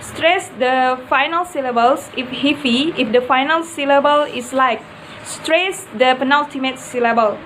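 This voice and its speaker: High-voiced student woman, slow and halting. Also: fairly bright tone, slight background noise, rough recording. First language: Indonesian. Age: young adult. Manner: hesitant, many "uh" fillers. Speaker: student presenter. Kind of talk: class video presentation.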